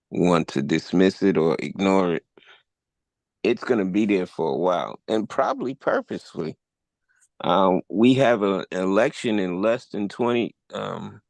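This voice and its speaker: A low, gravelly man hosts a live podcast talk at a slow, deliberate pace. He laughs easily between points. The sound is dry and close, with no room around it. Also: darkish tone, dry recording. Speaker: podcast host.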